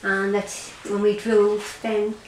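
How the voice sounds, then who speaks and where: An Irish woman recounting her own experience in an interview, halting and repeating herself as she speaks. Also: mid-range voice, completely flat delivery, a little mellow. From Ireland. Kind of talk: personal testimony in an interview. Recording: roomy echo, faint background noise.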